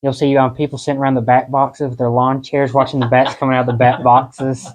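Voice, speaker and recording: A man's voice: medium pitch, flat delivery, quick pace, poor audio. A man giving an informal, folksy guided tour inside a cave, in a conversational way.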